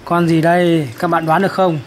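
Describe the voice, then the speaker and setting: High-voiced man talking as if to toddlers. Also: flat delivery, fairly quick, a little hiss or hum. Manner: simple, repetitive, encouraging talk as if to a toddler. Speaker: presenter of a children's toy video. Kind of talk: toy-washing narration for young children.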